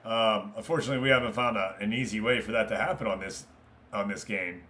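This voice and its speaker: Chatting casually with his viewers between passes, this man gives relaxed live play-by-play as a streamer covering a football management game. He talks quickly, with a fairly low pitch and a sharp tone.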